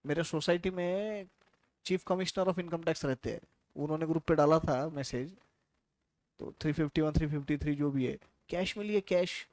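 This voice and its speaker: Chatty male lecturer, slightly high voice. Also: normal speed, a little mellow, no echo. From India. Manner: chatty, storytelling, asks students questions. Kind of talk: casual classroom lecture.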